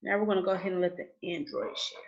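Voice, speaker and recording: A woman with a lowish, creaky voice talks very fast while running an online training session indoors over a video call. Her style is casual and chatty, and she keeps checking in with "okay?"; the video-call audio sounds muffled.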